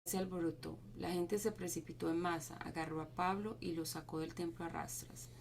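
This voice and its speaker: A woman reading scripture aloud to a group, steady but with small stumbles and restarts. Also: fairly low pitch, normal speed, gravelly, slight background noise. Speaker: Bible reading leader.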